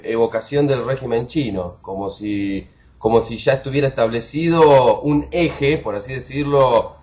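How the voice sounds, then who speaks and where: A man's voice: mid-range voice, a little mellow. Hesitant Argentine male interviewer. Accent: Argentine Spanish. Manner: conversational, hesitant with many fillers. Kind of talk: interview questions. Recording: dull lo-fi audio with faint music.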